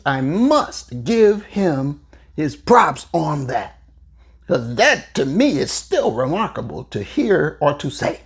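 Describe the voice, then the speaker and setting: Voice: medium pitch, husky. A basketball podcast host giving solo sports commentary, talking straight to listeners and drawing out words for emphasis.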